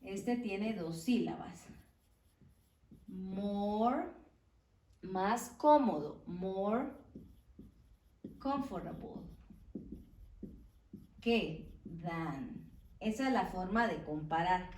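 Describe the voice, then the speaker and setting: A woman teaching an English grammar lesson, explaining slowly and deliberately, stopping to spell out words as she writes. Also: lowish voice, darkish tone, far from the mic, slight background noise. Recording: echoey room, voice from off-mic.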